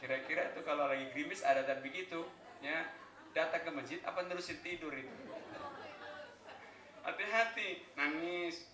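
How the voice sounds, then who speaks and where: A man's voice: on the high side, roomy sound, a crowd in the background, noisy background. A man giving a humorous sermon, telling stories and joking. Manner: joking, storytelling, chants Arabic phrases slowly. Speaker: preacher. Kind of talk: humorous sermon at a thanksgiving gathering.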